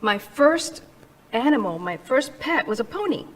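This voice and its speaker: A woman's voice: a little high, big pitch swings, unhurried, rough recording. A middle-aged woman from Cuba, a charity founder and interview guest, speaking earnestly and passionately about her work. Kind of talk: interview conversation.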